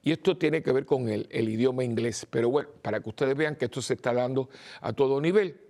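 An older male priest with a mixed Spanish accent, giving a rambling informal homily, repeating words and pausing with fillers. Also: mid-range voice, dark tone.

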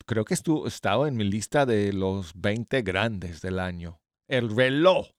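A man's voice: lowish voice, lively intonation, unhurried, no room sound, clean studio sound. A man hosting a live radio music show in a chatty, self-deprecating way, his speech slightly impeded and lisping from new dental braces. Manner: friendly, informal, joking at himself. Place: radio studio. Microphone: close studio microphone.

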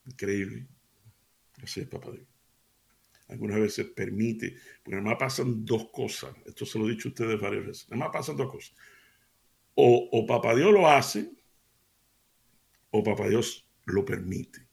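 Male preacher, gravelly, casual joking sermon delivery. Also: on the low side, normal speed, pauses often, darkish tone. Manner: chatty storytelling, laughs at own jokes. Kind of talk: conversational sermon with anecdotes.

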